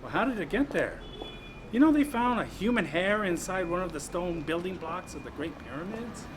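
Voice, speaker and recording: A man's voice: high voice, expressive, normal speed, heavy background noise. An actor playing a man who muses about swamp animals and old mysteries. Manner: explanatory, musing.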